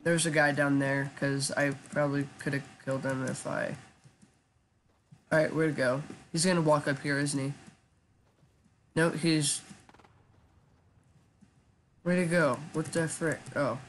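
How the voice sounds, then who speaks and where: A man giving casual live commentary while he plays a shooter game, talking in a flat, chatty way with lots of ums. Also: a little high, measured pace, pauses often, a little hiss or hum. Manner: self-described monotone, chatty, with frequent ums. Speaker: gaming YouTuber.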